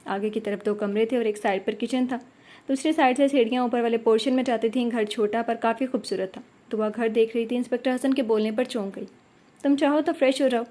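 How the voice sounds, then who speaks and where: A woman narrating an audio novel with a steady, unhurried delivery. Her voice sits slightly high with a mellow, soft tone.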